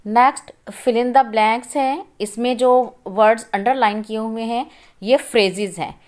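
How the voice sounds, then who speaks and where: A woman teacher with a Pakistani accent going through textbook exercises, reading English words slowly and repeating them, then explaining quickly in Urdu. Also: fairly high pitch, steady tone.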